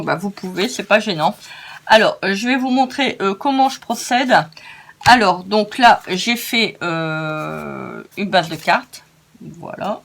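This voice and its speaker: A tired woman with a northern French accent, hosting a casual craft tutorial in a chatty, rambling way with many hesitations. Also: mid-range voice.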